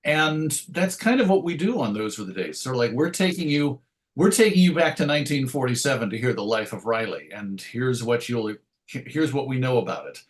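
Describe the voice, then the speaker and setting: A man with a mid-range voice talks fairly quickly and very animatedly as an interview guest and radio show host. He's conversational and thoughtful, backing up his points with anecdotes and quoted asides.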